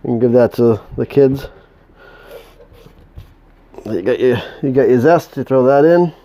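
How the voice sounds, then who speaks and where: A man of medium pitch, heard on a muffled recording, gives a casual home kitchen recipe demonstration in a New England accent. His delivery is mumbled and halting, with many restarts.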